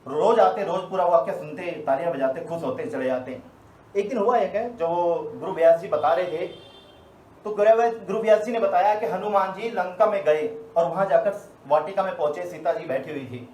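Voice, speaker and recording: A man's voice: high voice, brisk, a little mellow. A man giving a live motivational training session to his team, telling stories and asking rhetorical questions. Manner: storytelling, rhetorical questions, emphatic. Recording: echoey room, faint ambience.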